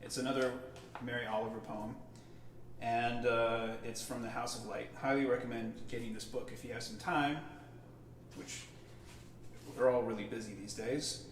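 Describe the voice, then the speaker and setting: A man hosting a casual livestream, explaining his pieces in a relaxed, rambling way, with cave-like reverb on his voice. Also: medium pitch, normal speed. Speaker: host and musician. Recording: echoey reverb, distant from the mic, faint hiss.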